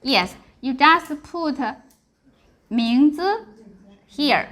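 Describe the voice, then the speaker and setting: A woman's voice: sits high, expressive, very slow, fairly bright tone. A woman teaching a language class with a Chinese accent, speaking in short simple phrases, repeating and checking understanding. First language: Mandarin Chinese. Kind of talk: language lesson, drilling and explaining.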